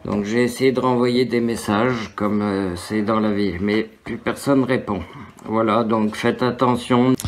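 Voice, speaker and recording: A man's voice: lowish voice, fairly even intonation, measured pace. Matter-of-fact man giving a warning.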